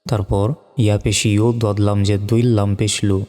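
A man with a Bangladeshi Bengali accent teaches Quran reading, spelling out letters and vowel marks syllable by syllable in an unhurried, even way. His voice is low, mellow and smooth. It rings with a long hall reverb over faint background music.

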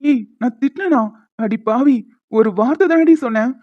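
A woman voicing a young man in an animated cartoon, an affectionate, teasing fiancé who coaxes and reassures his bride-to-be. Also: high-pitched, normal speed, lo-fi sound. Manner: playful, coaxing, reassuring.

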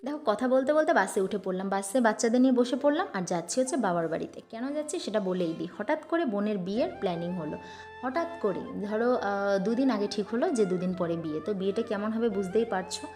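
A woman's voice: medium pitch, expressive, fast talker. A woman, chatting casually to her viewers in a daily vlog and often calling on them to look. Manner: chatty, keeps addressing viewers directly. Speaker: vlogger. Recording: background music under voice.

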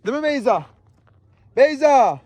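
A man's voice: very high-pitched, big pitch swings, unhurried, background noise. A man from Southeast Turkey vlogging outdoors in a rural village, chatty and playful with a teasing manner. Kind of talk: casual vlog chat.

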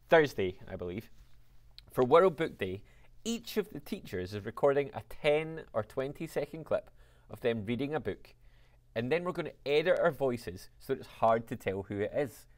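A man's voice: mid-range voice, big pitch swings, moderate pace. Upbeat man explaining a lesson. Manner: upbeat, explanatory, addressing students and teachers. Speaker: music teacher. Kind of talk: software tutorial lesson.

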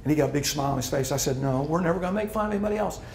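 A man's voice: fairly high pitch, expressive, very fast, creaky, a little mellow, roomy sound, a little hiss or hum. A middle-aged man preaching a sermon as pastor, emphatic and repeating his key lines. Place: church hall.

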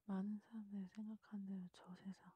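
Breathy whispering Grim Reaper played by a woman. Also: mid-range voice, flat delivery, quick pace, no room sound, muffled recording. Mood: calm, cautioning. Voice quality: breathy, unvoiced. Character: calm, reassuring Grim Reaper guiding a soul to the afterlife. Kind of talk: whispered role-play. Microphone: close mic, dry.

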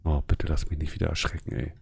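Male streamer, gravelly, dark low voice, joking casual horror-game commentary. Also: flat delivery, fast talker, slight background noise. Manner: joking, chatty, talks to his chat.

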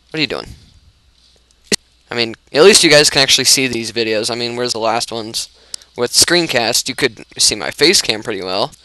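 A young man giving casual, rambling, excitable commentary while he plays a video game, laughing often. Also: mid-range voice. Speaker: gaming YouTuber.

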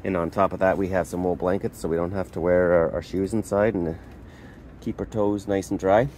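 Deep-voiced man giving a halting gear tour. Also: steady tone, darkish tone, slight background noise. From Canada. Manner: halting, lots of uh and restarts. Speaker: camping vlogger. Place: inside a hot tent in a snowy forest.

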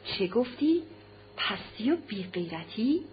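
A woman's voice: mid-range voice, sing-song, close to an everyday voice. A woman reading an audiobook, voicing a stern, cold, aristocratic husband who speaks harshly and with contempt, in a slightly muffled recording with a faint hum.

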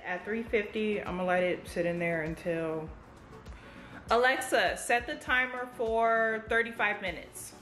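A woman's voice: mid-range voice, steady tone, unhurried, a bit bright, roomy sound, faint music behind. A woman in her thirties chatting casually to viewers as she cooks in her home kitchen, recorded close on a camera mic. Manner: chatty and informal, talks straight to viewers. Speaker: cooking vlogger. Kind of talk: casual cook-with-me chat. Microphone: camera mic close up, handheld or on counter.

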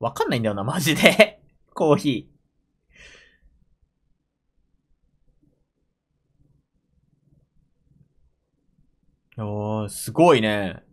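In a noisy home room, a young anime reaction streamer from Japan sits in his gaming chair and watches, muttering casual commentary and frequent exclamations into a desk mic. His voice is fairly low and sing-song, extremely slow, with long pauses.

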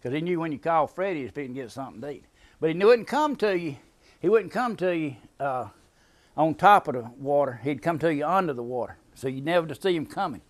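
Older Southern man with a high drawl. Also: lively intonation, fast talker. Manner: drawling, rambling, chuckles at his own tale. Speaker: storyteller. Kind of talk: folksy family storytelling.

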